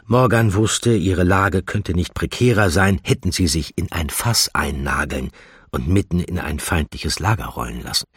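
A man narrating a fantasy audiobook in a measured, steady storytelling manner. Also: sits low, slightly rough, no room sound, studio quality. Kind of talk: scripted narration.

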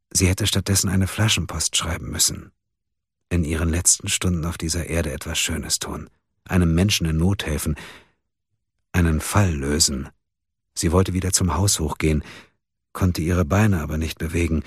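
Deep, husky male audiobook narrator. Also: no echo, clean studio sound. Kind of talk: scripted narration.

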